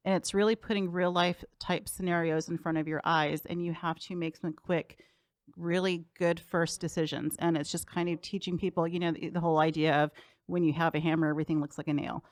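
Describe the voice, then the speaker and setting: A woman's voice: lowish voice, level tone, a little fast, dry recording. A woman who teaches a self-defense class, explaining it earnestly and steadily on a talk radio show. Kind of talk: casual talk radio chat.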